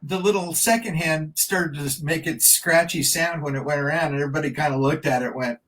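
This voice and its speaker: A man's voice: on the high side, fairly quick, a bit bright, low-quality recording. A man in his seventies, a band member being interviewed, telling a long anecdote in a rambling, chatty way. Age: 70s. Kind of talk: casual interview storytelling.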